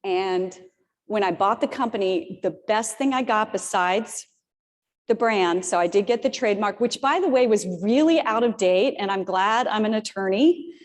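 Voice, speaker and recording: A woman's voice: mid-range voice, moderate pace. A woman in her fifties giving a motivational keynote talk, telling personal stories with humorous asides to the audience. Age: 50s. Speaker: keynote speaker. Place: large old theater venue. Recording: long hall reverb on stage.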